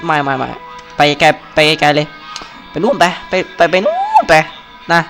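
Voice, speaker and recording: A man's voice: on the high side, sing-song, normal speed, vocal fry, fairly bright tone, faint music behind. A young man hosting a live Let's Play, chatty and playful, joking and exclaiming as he plays. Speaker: gaming channel host. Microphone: home mic, recorded live over gameplay.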